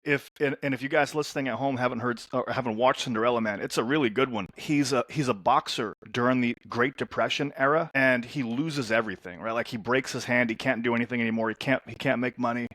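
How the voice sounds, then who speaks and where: A Lebanese men's transformation coach who grew up in America talks fast with few pauses as a podcast guest in an informal interview. Upbeat and story-driven, he often doubles words when starting a sentence, his mid-range voice slightly bright on a dry recording.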